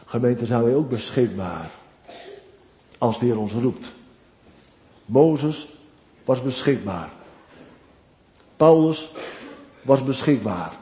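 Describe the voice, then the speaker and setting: A man preaching a sermon to his congregation, earnest and deliberate. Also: medium pitch, mellow. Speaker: pastor. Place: church. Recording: long church reverb.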